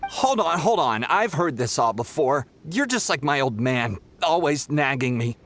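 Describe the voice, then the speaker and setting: A man's voice: a little high, expressive, a little slow, fairly bright tone, slight background noise. An actor playing an irritable, scornful young male pilgrim who talks in an indignant, accusing way in a game.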